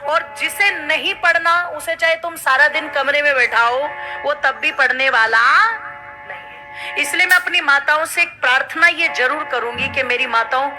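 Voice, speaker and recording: Emphatic high-voiced woman preacher. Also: measured pace, bright, forceful tone, faint music behind, rough recording. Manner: emphatic, urging the crowd to answer aloud. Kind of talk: devotional sermon to an audience.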